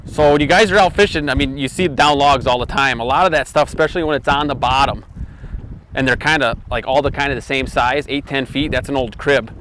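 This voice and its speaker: A man narrates his fishing out on a boat on a lake, talking casually in a middle-pitched voice. He gets keyed up whenever a fish comes in. Faint wind noise hangs behind him. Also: fairly quick. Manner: chatty, excited when landing fish. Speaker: fishing show host. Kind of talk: casual on-the-water fishing commentary.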